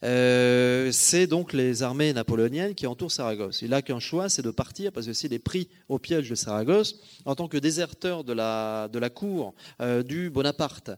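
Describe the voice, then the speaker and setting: A man's voice: medium pitch, expressive, normal speed, hardly any pauses. A man giving a slide lecture on art history, talking in a digressive way with frequent hesitations and self-corrections, often turning to the audience to check they follow. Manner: addresses audience directly, checking understanding.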